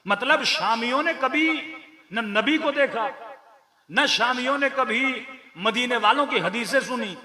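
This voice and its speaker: A man's voice: very high-pitched, slow pace, bright, forceful tone. A man with a Pakistani Urdu accent preaching a majlis sermon to a congregation, declamatory, with rhetorical questions and rhythmic repeated lists. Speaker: Shia preacher. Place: large prayer hall with a gathered audience. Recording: echoey hall with crowd sounds.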